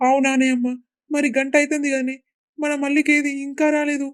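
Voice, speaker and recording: A woman's voice: sits high, level tone, fairly quick, faint music behind, natural voice. A woman voicing a worried young village husband in a cartoon, pleading anxiously in a Telangana Telugu accent.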